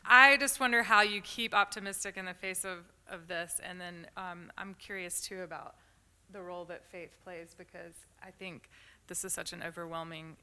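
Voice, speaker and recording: Very bright woman moderator in a reverberant hall. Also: fairly low pitch, steady tone, normal speed, clean tone. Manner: candid, self-deprecating, rambling. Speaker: forum moderator. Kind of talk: conversational interview question.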